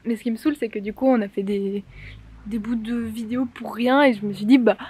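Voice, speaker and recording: A woman's voice: on the high side, fairly even intonation, brisk, darkish tone, husky. A young woman vlogger telling stories in a casual, rambling and informal way, as if chatting to friends. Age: young adult. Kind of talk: casual chatty vlog storytelling.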